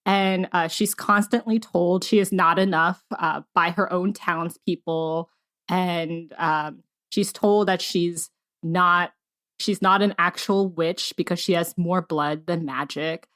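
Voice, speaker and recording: Chatty woman podcast host, lower voice. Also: fairly even intonation, takes it slowly, fairly bright tone. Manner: chatty, many fillers, laughs readily. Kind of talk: casual interview chat.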